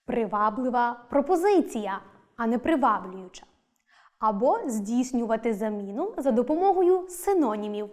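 Teacher, woman, scripted lesson delivery, fairly high pitch, deliberate and clear. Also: expressive, a little mellow. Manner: clear, deliberate, stresses each example word.

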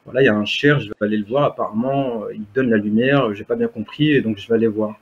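The speaker is a man in his thirties, a native Berber speaker, recounting his story as an interview guest on a video call from indoors at home. He talks fast in a lowish, breathy-edged voice with fairly even intonation, while hesitating with many fillers and restarts. His webcam audio is dull and lo-fi.

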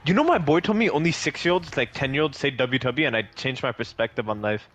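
A man's voice: mid-range voice, expressive, fast, a bit bright. A young man bantering over a game in casual, profane street slang, joking around. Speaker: gamer on a YouTube channel.

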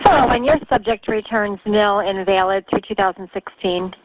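A woman's voice: medium pitch, fairly even intonation, moderate pace. A woman police dispatcher speaking in clipped, procedural radio codes, heard as a police radio transmission. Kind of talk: terse radio dispatch calls. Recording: tinny, noisy police radio.

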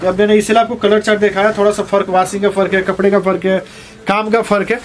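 A man who owns a jeans shop, giving a sales pitch and listing prices, fabrics and sizes as he shows each item. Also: level tone, fast. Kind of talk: sales pitch showing products. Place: garment shop.

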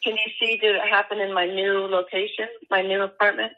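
A woman's voice: medium pitch, little pitch movement, brisk. Woman, radio show caller, phone line sound, tinny and thin, worried, asking questions. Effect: caller's voice over a phone line.

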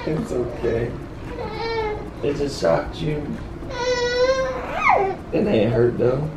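A man soothing his baby at a clinic, slow and reassuring in casual talk. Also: mid-range voice, far from the mic, very noisy. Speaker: father. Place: pediatric clinic exam room. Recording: echoey room under loud music.

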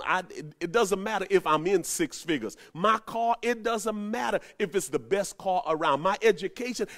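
A pastor, preaching a sermon in a rising preaching cadence that swells to shouts. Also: male voice, sits high.

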